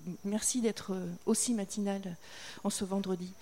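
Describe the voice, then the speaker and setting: A woman's voice: medium pitch, steady tone, moderate pace, warm tone, slight background noise. A woman hosting an interview, asking questions in a friendly, slightly hesitant way. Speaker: interviewer host. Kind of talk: festival interview.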